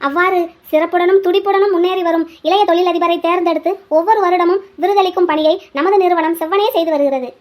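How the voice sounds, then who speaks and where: A woman's voice: very high voice, fairly even intonation, quick pace. A woman voicing a formal stage announcer at a business awards event in a cartoon. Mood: ceremonious. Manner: formal, ceremonious delivery.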